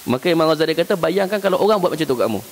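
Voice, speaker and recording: A man's voice: fairly high pitch, animated, racing. A man with a Malaysian Malay accent giving an evening mosque lecture as a religious teacher. He tells stories, acts out everyday scenes with small chuckles, and his voice climbs sharply when he drives a point home. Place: mosque prayer hall. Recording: reverberant hall with faint hiss.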